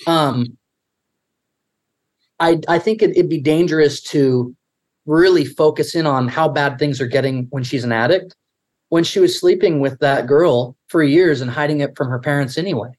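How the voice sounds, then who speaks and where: A man's voice: fairly high pitch, moderate pace, a little mellow. A man co-hosting a podcast in casual discussion, earnest, who restarts his sentences often while thinking aloud. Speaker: podcast co-host.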